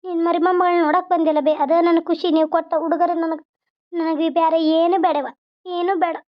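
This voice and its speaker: A woman's voice: very high-pitched, little pitch movement, fast talker. A woman voicing a sad young new mother with a North Karnataka Kannada accent, speaking plaintively. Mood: tearful. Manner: plaintive, lamenting. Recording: dull lo-fi recording.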